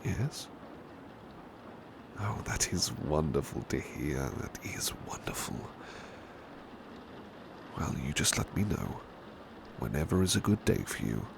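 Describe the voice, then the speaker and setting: A British man with a bass voice plays a devoted, gentle, protective estate butler in a heavily acted ASMR roleplay. Gentle and inviting, he speaks softly, formally and courteously, hushed and hesitant with long pauses, his intimate speech slipping into whispers. Steady rain-like noise is clearly heard behind him.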